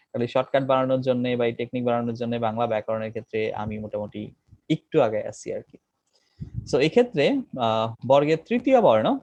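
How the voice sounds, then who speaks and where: A grammar teacher with a gravelly edge to his voice, drilling each rule with repetition and questions to the class. The recording is dry and a little dull, with a lo-fi sound. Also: medium pitch, a little mellow, dry recording. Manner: repeats rules over and over, asks questions to the class.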